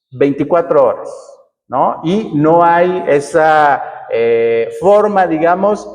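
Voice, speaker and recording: A woman's voice: low voice, a little mellow. A woman from the coast of Oaxaca with a Mexican accent, leading a workshop and explaining patiently while often checking with her listeners. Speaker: workshop facilitator. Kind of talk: teaching a workshop. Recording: long reverb in a hall.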